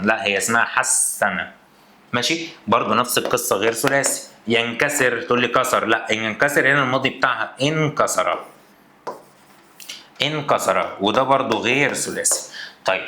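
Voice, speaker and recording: A man's voice: medium pitch, sharp tone. A man with an Egyptian Arabic accent teaching grammar in a playful, teasing way, acting out the questions his students might ask. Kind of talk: energetic classroom lesson. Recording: echoey room.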